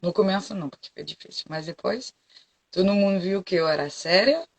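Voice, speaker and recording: A woman's voice: medium pitch, expressive, fairly quick. A French woman with a French accent, a forró dance teacher chatting frankly as an interview guest and often checking that she is understood. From France. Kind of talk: casual interview chat.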